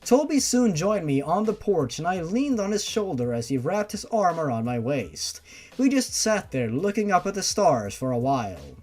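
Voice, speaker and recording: A man with a fairly high, darkish voice narrates fan fiction in a theatrical, exaggerated comedic style, interrupting the story with his own asides.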